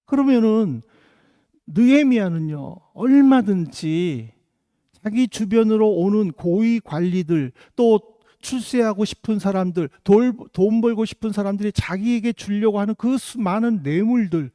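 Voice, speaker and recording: A man's voice: high voice, a little slow, dark tone, no echo, studio quality. A middle-aged man from South Korea, a pastor giving a sermon with earnest storytelling and rhetorical questions. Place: church in Germany.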